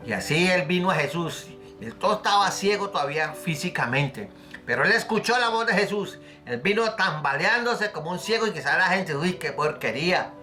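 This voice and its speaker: A man preaching with fervent conviction, pressing his listeners with pleading questions and acting out the voices of scripture. His voice is bright and ringing, pitched a little high for a man. A faint guitar plays softly underneath. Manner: acts out the scripture voices he quotes. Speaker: pastor. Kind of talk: recorded sermon.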